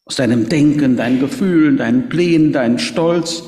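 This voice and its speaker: A man's voice: on the high side, moderate pace, dark tone, lightly acted. A preacher quoting Jesus speaking earnestly to a rich man. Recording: echoey reverberant hall.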